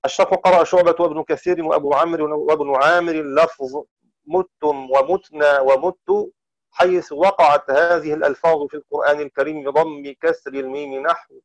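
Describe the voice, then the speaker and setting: A man teaching variant Quran readings, deliberate and methodical, slowing down to intone the quoted verses. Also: on the high side, steady tone, dry recording. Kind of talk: explaining variant Quran recitations. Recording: dull dry lo-fi recording.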